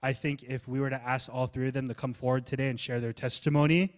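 A male pastor delivers a sermon with animated preaching. He swings from loud, pressing emphasis to quiet, low asides. His delivery is lively and expressive. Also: fast talker. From United States. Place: church hall.

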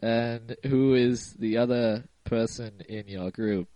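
A man hosting a comic mock podcast interview in a deadpan, announcer-like way. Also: mid-range voice, slow pace, no echo, low-quality recording. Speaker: podcast host.

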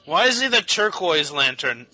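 A man casually riffing on a movie with friends, jokey and quick with silly voices. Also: on the high side, big pitch swings, bright, forceful tone, muffled recording. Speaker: riffing commentator.

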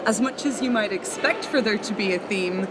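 Female podcast interviewer, mid-pitched, informal and chatty, recorded on location with clear urban background noise. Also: normal speed. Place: busy public exhibition space in city centre. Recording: noisy public space, urban background din. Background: people and urban ambience.

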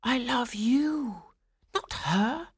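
A woman's voice: lowish voice, sing-song, moderate pace, dry recording, clean studio sound. Woman acting Franz, a pleading young sweetheart. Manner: earnest, protesting.

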